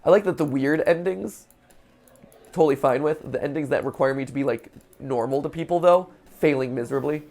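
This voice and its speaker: Chatty man with a gravelly voice. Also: a little high, brisk, a little mellow. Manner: chatty, joking, thinking aloud. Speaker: host playing a video game. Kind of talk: casual let's-play commentary.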